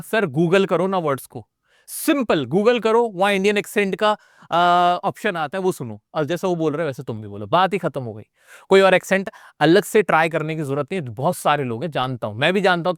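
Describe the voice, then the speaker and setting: Teaching spoken English online with plenty of energy, an Indian-accented man addresses his students directly and drills key lines through repetition to fire them up. The voice sounds crisp and smooth, pitched slightly high, recorded up close and dry without any room echo.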